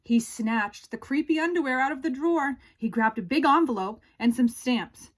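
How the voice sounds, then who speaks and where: With a high-pitched voice, a woman narrates a children's picture book, performing it dramatically and drawing out moments of suspense.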